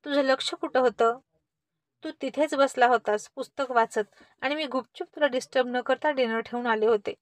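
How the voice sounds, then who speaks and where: A scolding, exasperated mother, voiced by a woman storyteller, nagging her son in a family storybook tale. The voice is fairly high and heard dry and close. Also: moderate pace, no room sound, lightly acted. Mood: puzzled.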